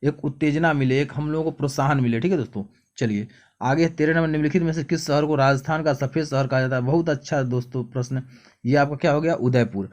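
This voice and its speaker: A man's voice: a little high, fairly even intonation, fast, a little mellow. A young man going through exam questions one by one, reading each out and then repeating the answer back as a question to the viewer. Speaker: exam tutor. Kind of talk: quick exam answer walkthrough.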